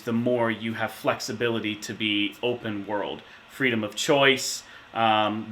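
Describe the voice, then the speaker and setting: A man in his thirties speaks in a bright, forward voice. He answers interview questions casually, pausing with fillers as he reflects on memories. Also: on the low side, a little hiss or hum. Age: 30s. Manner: relaxed, reflective storytelling with many fillers. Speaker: interviewee, insurance manager.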